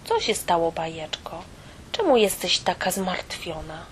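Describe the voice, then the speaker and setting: A woman voicing a kind, eager little female mouse in a storybook tale, lively and exclaiming. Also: on the low side, unhurried, a little hiss or hum. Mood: caring.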